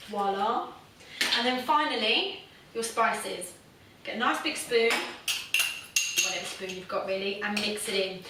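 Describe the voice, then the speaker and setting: A woman's voice: medium pitch, measured pace, pauses often, distant mic, very noisy. A woman hosting a casual home cooking demonstration, chatty and self-deprecating, with plenty of fillers. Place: home kitchen. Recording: very echoey room, voice from off the mic.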